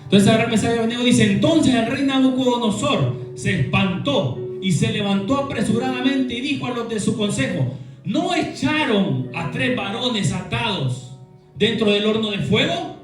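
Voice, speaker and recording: High-pitched guy preaching, makes the crowd repeat after him, echoey church room. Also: expressive, normal speed, far from the mic, over music. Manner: call-and-response, asking the congregation to repeat; acts out complaining voices in quotes. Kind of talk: sermon. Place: church hall.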